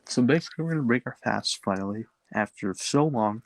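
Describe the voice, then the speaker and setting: A man's voice: mid-range voice, lively intonation, brisk, no room sound. A young man co-hosting a casual podcast in a rambling way, his speech slightly impeded by the retainer he is wearing. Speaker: podcast co-host.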